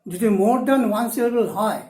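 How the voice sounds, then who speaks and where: A woman teaching a shorthand class, explaining each rule slowly and repeating the key points. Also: a little high, darkish tone, echoey room, low-quality recording. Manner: repeats key points, switches between Bengali and Hindi. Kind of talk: explaining rules step by step in a lesson.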